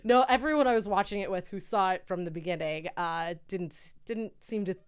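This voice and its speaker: A woman's voice: medium pitch, a little fast, smooth. Woman, podcast co-host, casual chat, chatty, hesitant, restarts a lot, mid-range voice.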